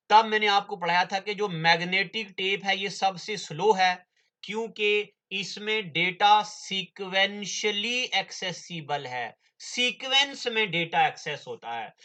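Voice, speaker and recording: A man runs an exam-prep class, his voice high-pitched and bright. He drills every answer by repeating it, then drifts into chatty advice for his students. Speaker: exam coaching teacher. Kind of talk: online exam-prep lesson.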